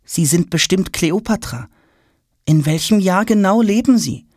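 A man's voice: sits high, lively intonation, measured pace, a little mellow, no room sound, studio quality, pitched above the performer's own voice. A man voicing a curious, hasty schoolboy who asks question after question. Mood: eager questioning. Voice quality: eager, questioning. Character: curious, hasty schoolboy, polite but impatient.

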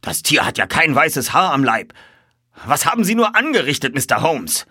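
A man voicing an agitated older colonel who owns racehorses, speaking loudly and excitably in a raised voice. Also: mid-range voice, fairly quick, husky, dry recording, studio quality, voice pushed up, exaggerated voice. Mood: indignant. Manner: loud, excitable, indignant. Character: agitated older male horse-owning colonel.

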